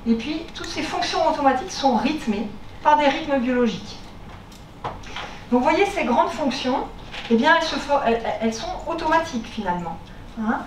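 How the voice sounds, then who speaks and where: A woman's voice: high voice, lively intonation, moderate pace. A woman giving a public lecture through a face mask, explaining step by step with hesitant rephrasing and frequent check-ins with her listeners. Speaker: lecturer on health, pain and diet. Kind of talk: spoken public lecture to an audience. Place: university lecture room. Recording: echoey room, distant mic, background noise.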